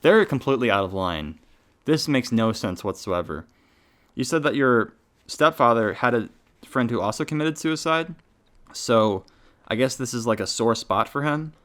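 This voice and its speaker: A man's voice: mid-range voice, expressive, normal speed, fairly bright tone. A man co-hosting a podcast, reading a listener email aloud and then answering it in a laid-back way, full of "dude" and "like". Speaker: podcast co-host.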